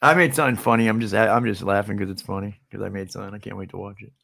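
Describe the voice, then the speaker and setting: A man's voice: fairly low pitch, steady tone, rapid-fire, creaky, a bit bright. A man on a live online panel, crude and teasing in his jokes.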